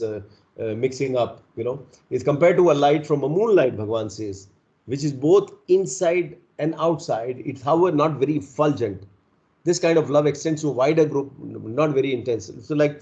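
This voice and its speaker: A man's voice: on the high side, darkish tone. A man with an Indian accent speaking as a spiritual teacher at a satsang, earnestly explaining and checking in with listeners through rhetorical questions. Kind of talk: devotional discourse to a congregation. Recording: dull, muffled lo-fi sound.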